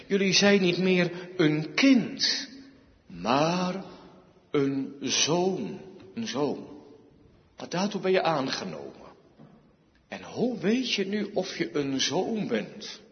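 Male preacher going slow and emphatic, lots of pauses, rises and falls a lot, church echo. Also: on the high side, sing-song. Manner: emphatic, with dramatic pauses and repetitions. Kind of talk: sermon. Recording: dull sound, echoey hall.

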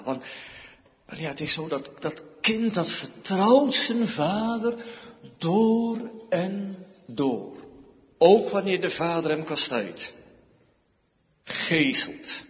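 A male preacher giving an emphatic sermon, with dramatic pauses and repeated phrases. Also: on the high side. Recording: dull sound, echoey hall.

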